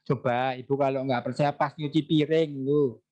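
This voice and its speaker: A man giving an online parenting seminar, talking in a lively way and acting out dialogues between parents and children. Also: mid-range voice, normal speed. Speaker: parenting speaker.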